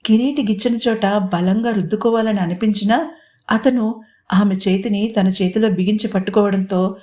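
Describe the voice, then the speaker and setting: A woman narrating a romantic audio story in an expressive storytelling manner. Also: medium pitch.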